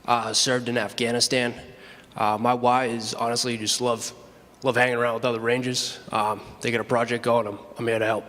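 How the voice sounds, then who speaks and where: A man from Medford, Massachusetts, a veteran, introducing himself in short, flat phrases. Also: medium pitch, a little fast. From Medford, Massachusetts, USA. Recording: long reverb, voice off-mic.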